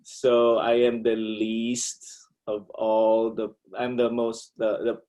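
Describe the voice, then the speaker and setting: A man talking about his family on a video call, hesitant and pausing often. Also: lowish voice, completely flat delivery, dark tone, poor audio. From Philippines. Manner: hesitant, with frequent "uh" pauses. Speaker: meeting participant. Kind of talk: casual personal sharing.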